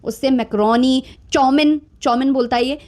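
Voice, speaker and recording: A woman's voice: high voice, fairly even intonation, normal speed, darkish tone. A woman giving casual vlog commentary, outspoken and indignant as she rants about other creators. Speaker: YouTube commentator.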